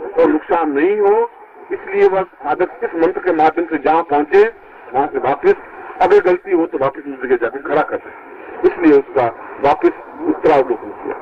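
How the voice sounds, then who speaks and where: Gravelly man on old worn tape. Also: highs cut off. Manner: emphatic, voice jumps high on stressed points. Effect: old worn tape recording. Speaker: spiritual teacher. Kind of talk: spiritual discourse to disciples.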